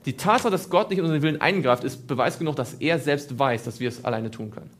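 Man preaching a sermon, slightly high voice. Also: fast. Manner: asks the audience questions, repeats phrases for emphasis.

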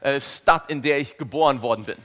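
A man's voice: mid-range voice, a little fast, fairly bright tone. A man interpreting a sermon phrase by phrase. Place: large reverberant hall. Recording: long hall reverb.

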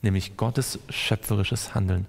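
A man's voice: lowish voice, fairly even intonation, unhurried, creaky. A man teaching a Bible study to a group, quizzing his listeners and repeating words for emphasis. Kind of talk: interactive Bible study talk. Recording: long hall reverb.

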